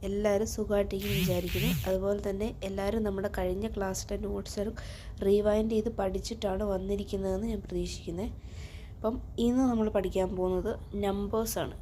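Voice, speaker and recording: A woman from Kerala, India teaching German numbers in a lesson, patient and methodical as she explains each step. Her voice is mellow and even in pitch. A faint hiss of ambient noise sits under the recording. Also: quick pace. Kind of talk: online language lesson.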